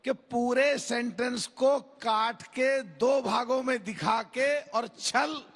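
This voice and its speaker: A man's voice: very high voice, takes it slowly, fairly bright tone. A man arguing combatively as a debate panelist, reeling off accusations. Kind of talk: heated televised debate.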